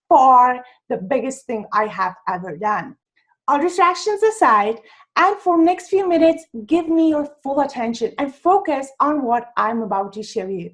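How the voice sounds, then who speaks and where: Czech-accented woman in her 30s, high and upbeat, pitching her business over webcam with punchy emphasis. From Czech Republic. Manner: upbeat, emphatic, pitch jumping on key words. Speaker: online business coach. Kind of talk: enthusiastic sales pitch over slides.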